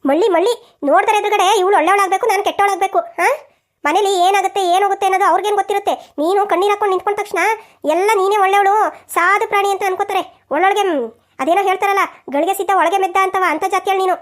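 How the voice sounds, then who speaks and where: A sharp-tongued old mother-in-law, as a woman voices her for a cartoon, nagging without pause. The voice sits very high and the words tumble out fast. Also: steady tone. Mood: scolding. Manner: nagging, sarcastic scolding. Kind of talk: cartoon voice acting.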